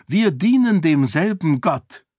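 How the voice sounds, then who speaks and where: A man's voice: fairly high pitch, sing-song, takes it slowly, darkish tone, no echo, studio quality, pitched above the performer's own voice, full character voice. A man voicing a scornful, impatient middle-aged king who mocks a priest in a sarcastic, raised voice.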